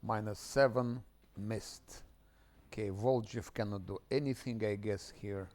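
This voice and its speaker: Streaming a game, a Ukrainian man with an Eastern European accent offers casual commentary in a lowish, steady voice. He frequently mutters quietly to himself as he plays and halts to restart his sentences.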